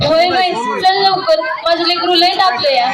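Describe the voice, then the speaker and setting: A woman's voice: very high voice, fairly even intonation, normal speed, a loud crowd. A woman playing an anxious young village mother who pleads and cries in a drama. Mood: worried. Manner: pleading, crying. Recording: echoey room, distant mic, noisy.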